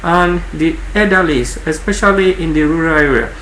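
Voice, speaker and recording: A man's voice: fairly high pitch, moderate pace, fairly bright tone. A man with a Nigerian accent speaking earnestly and informally to viewers, often repeating words and phrases for emphasis. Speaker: online channel host. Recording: echoey room with faint background noise.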